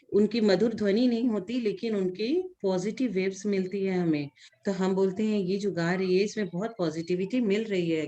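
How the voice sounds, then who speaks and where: A woman teaching a religious lesson to a small indoor gathering. She talks through a scripture point by point, with everyday examples, and stops to quiz her listeners. Her voice sits at an ordinary middle pitch for a woman. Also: a little mellow.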